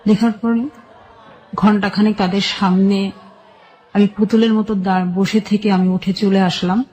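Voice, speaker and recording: In a radio interview, a woman with a Bangladeshi accent tells her own life story in short, halting phrases. Her voice is soft-edged and mellow at an ordinary pitch, with a flat delivery, and the audio quality is poor.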